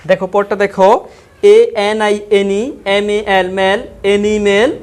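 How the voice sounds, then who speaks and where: A man's voice: high voice, monotone, moderate pace, clean tone. A male teacher giving an online vocabulary lesson, spelling each word letter by letter and then repeating questions about how it is said and what it means.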